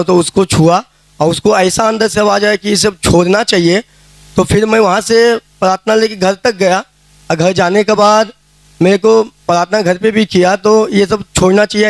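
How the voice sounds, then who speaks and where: A man's voice: sits high, creaky, no room sound. A man giving a casual spoken testimony at a prayer meeting, telling his story plainly and acting out the dialogue he quotes. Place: prayer hall.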